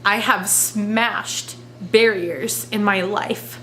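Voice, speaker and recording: A woman crying as she talks in a personal confessional vlog, halting and emotional as she searches for words. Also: mid-range voice, steady tone, sharp tone, a little hiss or hum. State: crying, tearful. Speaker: vlogger.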